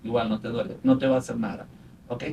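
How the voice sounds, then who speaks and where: A man, a psychologist, calmly explaining anxiety in a podcast conversation. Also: mid-range voice, fast. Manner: calm, explanatory, retells patients' words. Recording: faint noise, distant from mic.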